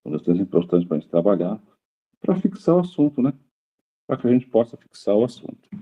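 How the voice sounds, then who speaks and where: A man's voice: lowish voice, sing-song, brisk, highs cut off. A male teacher giving a grammar lesson to a class, repeating key words and checking in with the students after nearly every point.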